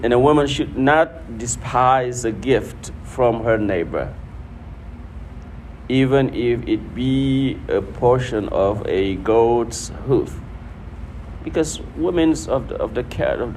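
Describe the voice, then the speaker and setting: A man with a medium-pitched, unhurried voice preaches informally to a congregation, teaching hadith, quoting Arabic, and repeating phrases for emphasis. The room is noisy, with a steady hum in the background.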